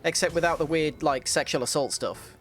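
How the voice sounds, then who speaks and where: A man's voice: a little high, a little fast, a bit bright. A man from Britain giving chatty, joking let's-play commentary. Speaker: streamer. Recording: commentary over game music.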